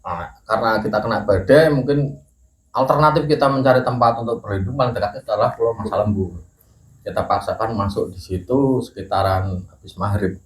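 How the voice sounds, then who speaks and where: A middle-aged man telling a ghost story in casual chat, measured and unhurried, clearing his throat now and then. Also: fairly low pitch. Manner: measured storytelling with pauses and occasional coughs. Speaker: guest storyteller. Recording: echoey room with faint noise.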